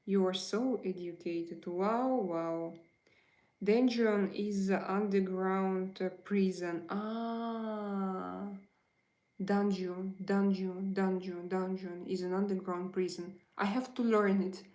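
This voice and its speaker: Chatting casually on her livestream, this woman answers viewers' messages with frequent hesitant fillers, speaking with the accent of a native Russian speaker. She talks slowly in a steady, slightly mellow mid-range voice, and the audio has a roomy quality.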